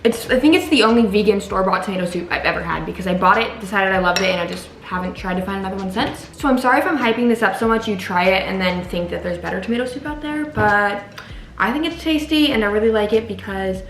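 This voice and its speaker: A woman's voice: medium pitch, fast, echoey room, faint music behind. A woman recovering from wisdom teeth removal, chatting casually to camera as she narrates her meals in a food vlog. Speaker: food vlogger.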